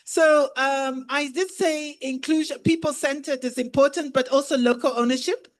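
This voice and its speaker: A woman's voice: high-pitched, fairly even intonation, moderate pace. A woman from Nigeria moderating a panel discussion and putting questions to the speakers.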